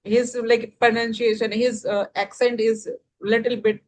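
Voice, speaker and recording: A woman with an Indian accent, an English learner, talking casually about how she practises listening, pausing often with fillers and restarts. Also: fairly high pitch, little pitch movement, slight background noise, low-quality recording. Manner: hesitant, many fillers and restarts.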